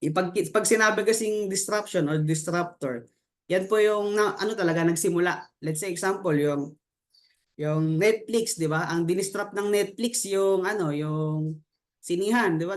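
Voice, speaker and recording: A high-voiced man gives a casual business opportunity presentation in Tagalog, peppering it with English terms and tag questions. His delivery is loose and halting, full of fillers and restarts.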